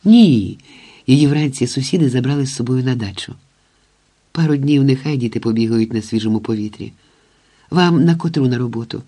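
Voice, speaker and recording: A man voicing Zoya, a cheerful, curious woman who chats with her guest in an audiobook. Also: mid-range voice. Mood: chatty. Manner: lively, chatty, asks quickly. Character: cheerful, curious middle-aged woman host.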